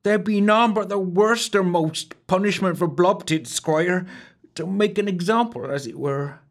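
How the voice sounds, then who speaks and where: Once more a man voices the anxious young barmaid in high falsetto, complete with burr and rustic phrasing. Her fearful fretting sends her pitch swooping about in a very animated, exaggerated way. She speaks deliberately, slowly and carefully.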